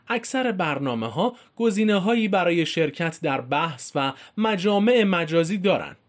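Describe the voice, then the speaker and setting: High-voiced man with a lively read. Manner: reads a formal script with spoken colloquial endings. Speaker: narrator. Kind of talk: scripted informational narration.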